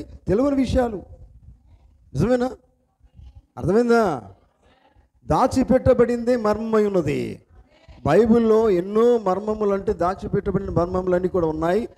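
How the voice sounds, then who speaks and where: A man preaching with a high-pitched voice that still sounds mellow and soft-edged. He is a pastor with a Telugu accent who keeps putting questions to his congregation. His phrasing is repetitive and strongly emphatic. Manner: asks the congregation repeated questions. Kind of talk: sermon.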